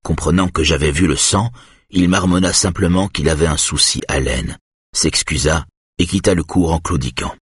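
A man narrating a novel in the first person, with a calm, measured delivery. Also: low voice, breathy edge, no room sound, studio quality. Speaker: audiobook narrator.

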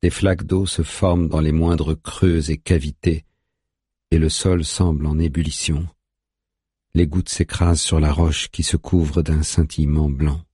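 A man narrating an audiobook in a steady, measured way. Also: very deep voice, slightly rough, no echo, clean studio sound.

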